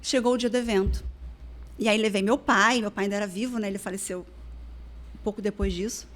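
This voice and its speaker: A woman's voice: medium pitch, brisk. A woman, a weight-loss therapist telling stories as a podcast guest and acting out past conversations. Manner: animated, acts out dialogue from her past. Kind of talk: casual storytelling in a podcast interview.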